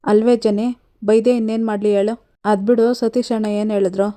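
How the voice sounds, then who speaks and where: Woman as stern, caring young female friend, flat delivery. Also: mid-range voice, a little fast, natural voice. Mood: scolding. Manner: scolding, then consoling.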